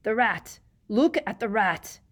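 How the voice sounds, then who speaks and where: A woman reading aloud and voicing a haggard, fierce male fugitive who snarls and croaks in a storybook. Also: lowish voice, lively intonation, a little slow, a little mellow. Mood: desperate.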